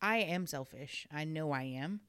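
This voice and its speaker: A middle-aged woman with a slightly lower voice talks openly on a podcast. She pokes fun at herself and laughs easily. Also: animated, measured pace, fairly bright tone, clear, resonant tone. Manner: candid, self-deprecating, laughs often. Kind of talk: casual chat.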